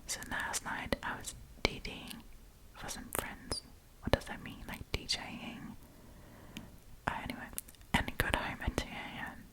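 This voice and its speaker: Unhurried and breathy, a woman whispers online stories aloud for ASMR without voicing, pausing for informal, chatty asides. She sits near a close, propped-up microphone, and the audio quality is poor.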